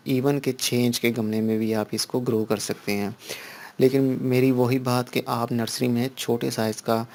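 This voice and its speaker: A man talks through gardening advice in a patient, step-by-step way. His voice sits at a middling pitch and stays quite flat, with little rise and fall. He circles back to the same points and fills pauses as he goes. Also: creaky. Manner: explains slowly, repeats points, many fillers. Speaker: gardening channel host. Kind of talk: casual instructional talk.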